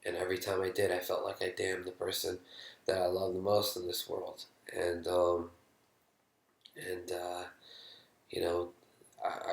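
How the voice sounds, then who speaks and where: A man speaking candidly to camera about his own experience, halting, with many fillers and restarts, sometimes dropping to a whisper. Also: low voice, creaky, roomy sound. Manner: drops to a whisper when quoting his own thoughts. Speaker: vlogger sharing his experience. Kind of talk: candid personal talk to camera.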